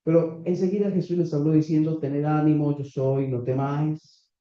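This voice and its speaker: A man preaching a sermon to a congregation, reading scripture slowly and asking the listeners questions. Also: fairly high pitch, fairly even intonation. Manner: slow, deliberate preaching with rhetorical questions to the congregation. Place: small church meeting room. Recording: echoey, slightly dull church recording.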